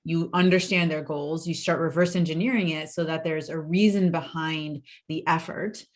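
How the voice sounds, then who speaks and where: A woman hosting a business podcast, asking probing questions and chiming in with quick agreements. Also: deep voice, fairly even intonation. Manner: brisk, probing questions, frequent short agreements. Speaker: podcast host. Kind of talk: casual interview chat.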